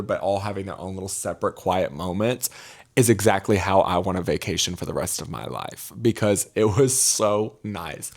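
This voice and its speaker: A young man with a fairly low voice and a Mississippi accent. He talks like a travel vlogger catching up with friends, casual and chatty. His delivery is gossipy and emphatic, full of confiding asides to whoever is watching. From Mississippi, United States. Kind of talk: casual chatty storytime vlog.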